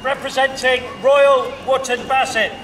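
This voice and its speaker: High-pitched man announcing over loud street noise. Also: little pitch movement, a little slow. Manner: proclaiming, projected delivery. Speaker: master of ceremonies introducing contestants. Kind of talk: public announcing at an outdoor event. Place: outdoor town square. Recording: distant outdoor recording with loud street noise.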